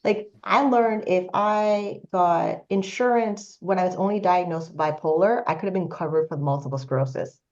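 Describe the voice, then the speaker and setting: A woman's voice: fairly low pitch, moderate pace, few pauses, a little mellow, highs cut off. A Canadian woman in her late thirties, speaking as a panelist in a casual discussion, telling her story in a rambling, matter-of-fact way. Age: 30s.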